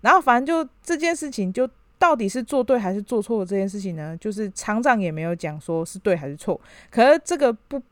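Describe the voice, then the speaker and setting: Woman, podcast co-host, rapid chatty storyteller, dry close mic. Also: mid-range voice, no room sound. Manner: animated retelling with many fillers. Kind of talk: casual conversational storytelling.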